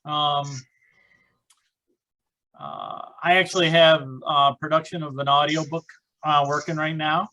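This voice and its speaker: A man chatting casually on a podcast, pausing often with "uh" and "um". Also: a little high, flat delivery, pushed and bright, poor audio. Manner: hesitant, many "uh" and "um" fillers. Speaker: podcast co-host and author. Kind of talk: casual chat.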